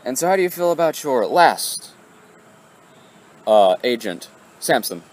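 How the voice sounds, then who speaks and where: A man playing a casual anchor on a homemade spoof newscast, pausing mid-sentence as he presents and interviews. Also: mid-range voice, big pitch swings, echoey room. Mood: inquisitive. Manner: halting, pauses mid-sentence. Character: laid-back male anchor of a spoof amateur newscast. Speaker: host and interviewer. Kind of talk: mock news presenting and interviewing. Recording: noisy amateur recording, background hum.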